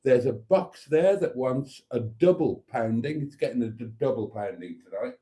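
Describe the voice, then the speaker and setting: A British man hosts an after-party livestream in a campy drag-queen style, his medium-pitched, dark-toned voice animated at a moderate pace. He rambles cheekily, breaking off his own sentences with flustered exclamations, swearing and saucy innuendo.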